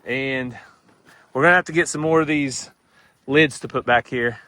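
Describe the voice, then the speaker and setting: A man's voice: medium pitch, normal speed, bright, forceful tone. A man chatting casually and teasing outdoors on his farm as a vlog host. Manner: folksy, teasing, drawling farm talk. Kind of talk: casual chat. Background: farm animals.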